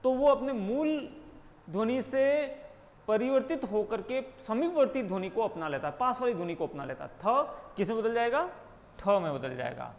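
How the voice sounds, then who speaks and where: A man with a Rajasthani accent teaches grammar in a high voice. He walks through each rule step by step, posing questions and answering them himself. His voice carries a long, reverberant echo. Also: lively intonation, normal speed. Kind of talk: Hindi grammar lesson.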